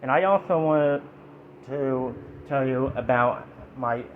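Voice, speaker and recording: A YouTube vlogger in his twenties gives an informal product review, chatting to the camera in a nasal, medium-pitched voice. His delivery is halting and rambling, broken into short fragments, and the audio sounds very thin and phone-like with faint noise in the background.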